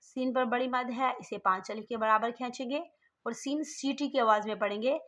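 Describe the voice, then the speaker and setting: A woman's voice: a little high, normal speed, a bit bright. A woman teaching Quran reading online, explaining letters patiently and drawing out the sounds to demonstrate. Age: middle-aged. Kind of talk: slow step-by-step recitation lesson.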